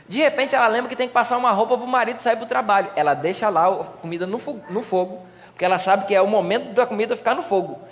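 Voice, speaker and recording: A man's voice: high-pitched, quick pace. A Brazilian man preaching a humorous sermon as pastor, acting out little scenes with voices. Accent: Brazilian Portuguese. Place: church hall. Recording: church hall reverb.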